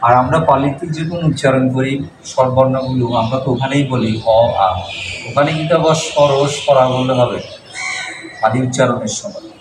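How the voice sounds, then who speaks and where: Man, monk teacher, patient classroom lesson, repeats sounds slowly, quizzes students, distant mic, roomy echo. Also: mid-range voice. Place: classroom with a board. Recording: echoey room, distant mic, noise.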